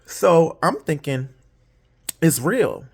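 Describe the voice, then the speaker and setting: A tired woman telling a long story in a rambling, candid way, swearing freely and jumping up in pitch whenever she quotes someone. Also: very animated, takes it slowly, darkish tone, breathy edge. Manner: jumps high when quoting others; putting on false lashes while talking. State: tired, yawning. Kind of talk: casual storytime monologue.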